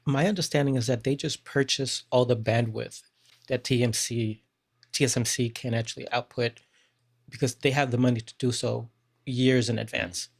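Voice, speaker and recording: Creaky mid-pitched man, casual panelist. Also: steady tone, moderate pace. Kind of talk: casual tech talk.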